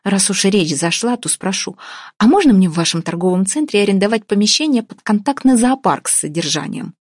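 A woman's voice: mid-range voice, lively intonation, fairly quick, husky, no room sound, studio quality. A woman reading an audiobook, voicing a pushy, sarcastic young woman who argues with everyone. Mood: wheedling. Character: brash feisty young woman, gingerbread seller.

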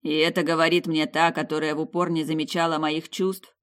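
A woman's voice: low voice, little pitch movement, fairly quick, lightly acted. A woman voicing a grown son who grumbles and protests to his mother. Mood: sulky, protesting. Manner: grumbling, then soothing.

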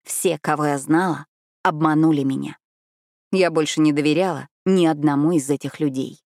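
Low-voiced woman reading a novel. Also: fairly even intonation, moderate pace, creaky, a little mellow, no room sound, studio quality. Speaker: audiobook narrator. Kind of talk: first-person scripted narration.

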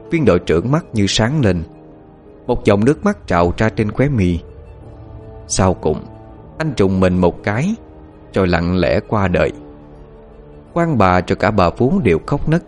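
Male audiobook narrator for a ghost tale, low voice, lively delivery, faint music underneath. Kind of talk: dramatic audiobook storytelling.

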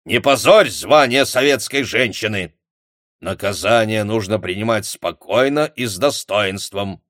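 A man's voice: fairly low pitch, lively intonation, unhurried, fairly bright tone, dry recording, studio quality. A man reading an audiobook voices a stern secret-police officer who barks officious orders. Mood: stern commanding.

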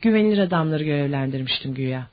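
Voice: medium pitch, lively intonation, rapid-fire, natural voice. A reader voicing a stern, controlled male army major. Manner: stern, clipped. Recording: dull lo-fi audiobook recording.

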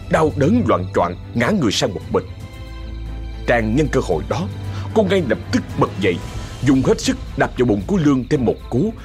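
A man narrating a ghost story in a dramatic, expressive way. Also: mid-range voice.

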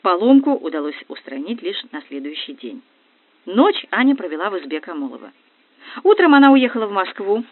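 An audiobook reader narrating a comic novel in first person with brisk irony. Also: mid-range voice, big pitch swings, dry recording. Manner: brisk ironic storytelling. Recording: dry, tinny phone-like audio.

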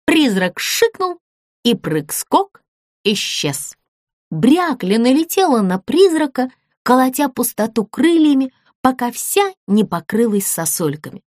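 A woman narrating a children's audiobook in a measured, expressive storytelling manner. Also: a little high, no echo, clean studio sound.

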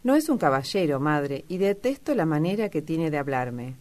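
In an audiobook, a woman voices a lovestruck young girl, giddy and eager yet defiant, her low, tinged tone lifting a little as she exclaims. The lines tumble out in breathless, earnest bursts with big pitch swings, at normal speed and a little mellow.

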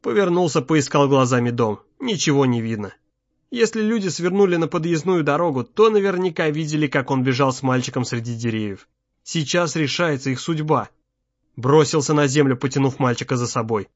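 A man's voice: on the high side, dry recording. Male audiobook narrator, dry and muffled. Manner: measured, tense storytelling. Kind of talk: scripted narration.

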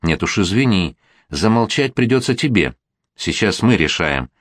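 A man's voice: lowish voice, sing-song, moderate pace, no echo, clean studio sound. A man voicing a cold, triumphant grown daughter in a read-aloud story, spiteful and clipped.

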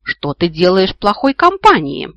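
A man voicing a preachy old female elf ghost, a grandmother with a shrill, moralizing voice. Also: wildly swooping pitch, normal speed, vocal fry, fairly bright tone, no room sound, full character voice. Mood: scolding.

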